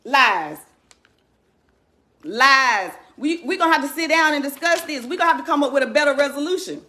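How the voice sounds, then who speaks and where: Fired-up woman with a high, bright voice. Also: very fast. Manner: indignant, emphatic, talks straight to viewers. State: shaking with anger. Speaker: community activist addressing followers. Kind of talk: impassioned direct-to-camera rant.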